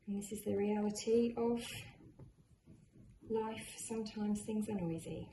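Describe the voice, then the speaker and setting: Indoors at home, a woman presents a sewing tutorial, talking informally in a chatty, encouraging, conversational way with a medium-pitched, level voice at a measured pace. The room is echoey, and builders' drilling and work noise is clearly audible in the background.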